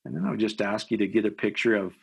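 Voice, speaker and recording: A pastor from Iowa, a man guiding listeners through a prayer in a podcast interview, energetic and preacherly, repeating phrases for emphasis. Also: on the low side, quick pace, breathy edge. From Iowa, USA.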